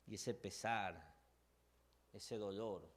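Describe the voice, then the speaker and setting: A man's voice: lowish voice, extremely slow. A man with a Mexican accent preaching a sermon as a pastor, emotive, acting out the struggles of his listeners.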